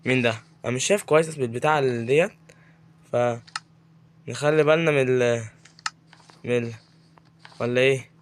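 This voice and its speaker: A man's voice: medium pitch, brisk, long pauses, slight background noise. A young man with an Egyptian Arabic accent giving joking, chatty commentary while he plays a video game. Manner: joking, chatty, talks to game mobs as if interviewing them. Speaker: gaming YouTuber. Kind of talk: casual gameplay commentary.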